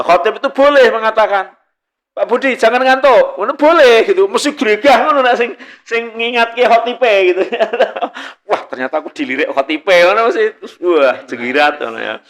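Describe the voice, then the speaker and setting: A middle-aged male preacher with a Javanese accent gives a religious study talk in a chatty, joking way, laughing often and slipping into Javanese. His voice is on the high side and a bit bright.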